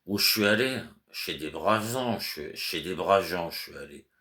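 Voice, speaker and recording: A man's voice: deep voice, lively intonation, moderate pace, pushed and bright. A man voicing a drunken, stubborn male servant who denies everything indignantly.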